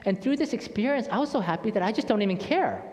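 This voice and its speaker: A middle-aged man, a church outreach director, telling stories in a casual testimony talk, animated and often restarting his words. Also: high-pitched, fast talker. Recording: long hall reverb.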